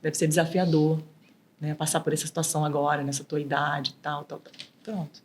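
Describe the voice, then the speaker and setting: Middle-aged woman mediator, lively, slips into acted dialogue; voice a touch low. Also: fairly quick, a little hiss or hum. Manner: animated, acts out quoted dialogue. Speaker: guest, mediator and author. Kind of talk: casual podcast interview.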